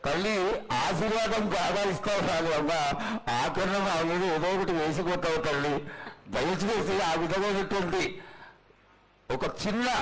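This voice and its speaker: A man speaking as a priest, making a reverent, pleading devotional petition at a live ritual. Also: high-pitched. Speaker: priest addressing a goddess oracle. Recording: very noisy live event recording. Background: loud ambient event noise.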